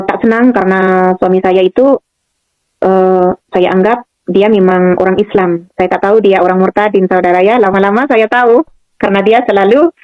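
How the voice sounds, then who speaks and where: A woman from Madura, Indonesia, shares a personal faith testimony, recounting her story and frequently addressing her listeners as "saudara." Her voice sits at a medium pitch, and the recording is dry and muffled.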